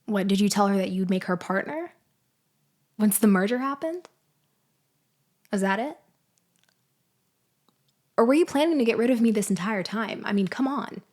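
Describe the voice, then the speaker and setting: A woman voices a vengeful, betrayed ex-girlfriend taunting her framer in a dramatic ASMR-style girlfriend roleplay. Her mid-range voice is a little mellow, lightly acted and lively in intonation, while her bitter, probing delivery stays slow, deliberate and condescending, broken by sighs and pauses.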